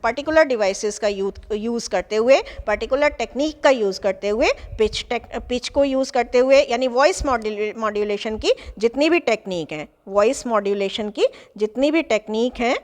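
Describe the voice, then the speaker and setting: A fairly high-pitched woman gives a lecture. She reads English terms out slowly and then explains them at an easy pace. Her voice rings with long reverb, as if she were in a large hard room. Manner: explains English phrases in Hindi, slows down when reading English. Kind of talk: Hindi exam-prep lecture with English terms.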